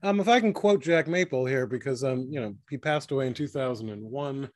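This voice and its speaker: A man's voice: medium pitch, fairly quick. A man hosting a podcast and interviewing his guests, thoughtful and hesitant with frequent "um"s. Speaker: podcast host and author.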